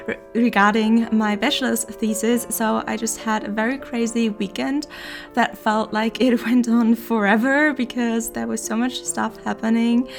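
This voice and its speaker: A young woman in her twenties chatting in a casual voiceover, her voice nasal and congested from allergies, laughing often between words. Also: a little high. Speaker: game building content creator.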